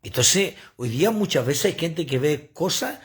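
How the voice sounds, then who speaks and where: A male preacher delivers a sermon into a phone, his voice husky with a gravelly creak. He preaches with lively swings in pitch and breaks off to talk straight to the people watching. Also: a little slow. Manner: preachy, animated, asides to viewers. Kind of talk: livestreamed sermon.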